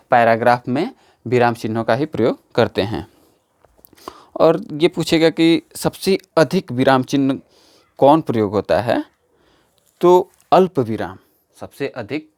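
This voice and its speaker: A man teaches an exam-prep grammar lesson in a voice of ordinary pitch. He talks slowly and patiently, repeating each key term several times and explaining step by step. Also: a little mellow. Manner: slow, repetitive, explaining step by step.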